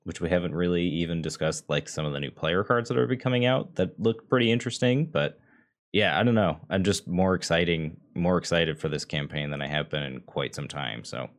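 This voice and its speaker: A man's voice: low voice, a little fast. A man hosting a podcast in casual discussion, in a loose style full of filler words. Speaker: podcast host.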